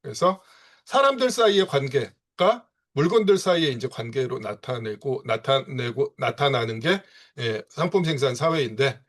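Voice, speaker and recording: Lecturing in an online seminar via video call, a man speaks at normal speed with a medium pitch, lively intonation and a fairly bright tone. His explanations are sprinkled with fillers and rhetorical questions.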